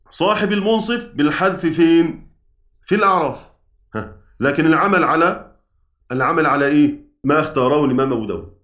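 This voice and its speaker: A man with an Egyptian Arabic accent teaching a class, chanting verses slowly and checking his students' understanding with quick questions. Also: fairly high pitch, a bit bright. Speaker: Quran recitation teacher. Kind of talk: classroom lesson explaining a poem. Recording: echoey room, voice from far off.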